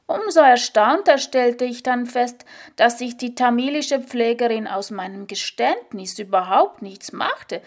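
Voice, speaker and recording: A woman reading a literary story aloud in a measured, deliberate way. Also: a little high.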